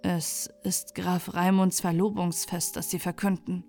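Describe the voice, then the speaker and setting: A woman voicing a kind, humble young male fisherman in a fairy tale audiobook, speaking gently and softly. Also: fairly low pitch, little pitch movement, unhurried, soft background music, pitched below the performer's own voice. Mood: gentle.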